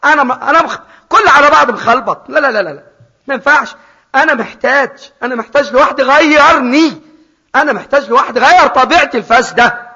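A man's voice: fast, breathy edge, full character voice. A man voicing a desperate, self-accusing young prodigal son, with an Egyptian Arabic accent, crying out his confession. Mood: anguished. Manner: loud, high, anguished inner monologue. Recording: dull, reverberant hall sound.

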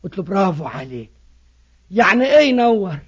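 A preacher with an Egyptian Arabic accent giving a passionate evangelistic sermon, alternating between loud appeals and hushed words. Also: male voice, high voice, big pitch swings, quick pace, slightly rough. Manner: passionate, retells dialogues, swings from loud to hushed. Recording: muffled lo-fi recording.

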